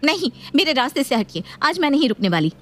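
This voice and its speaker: A woman's voice: high voice, sing-song, fast talker, fairly bright tone, pitched above the performer's own voice. A woman voicing a touchy, defiant young daughter-in-law who argues back indignantly. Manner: indignant, argumentative.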